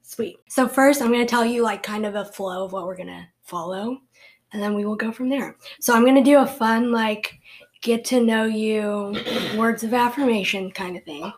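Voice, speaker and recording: A woman's voice: medium pitch, moderate pace, soft background music. A young adult woman hosting a podcast, talking in an upbeat, chatty way with frequent fillers. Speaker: podcast host. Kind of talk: casual podcast chat.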